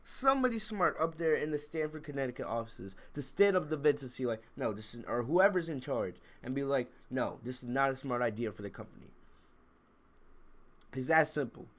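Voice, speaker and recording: Sick with a cold and clearly congested, this wrestling review livestream host speaks fairly quickly in an animated, slightly bright mid-range voice. His live chat with viewers is casual, blunt, and full of emphatic opinions.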